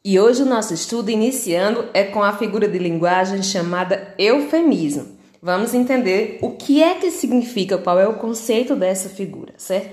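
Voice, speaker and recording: A woman's voice: medium pitch, animated, moderate pace, a little mellow, reverberant. A woman with a Brazilian Portuguese accent teaching an online language lesson, explaining step by step, asking the class questions and acting out comic-strip dialogue.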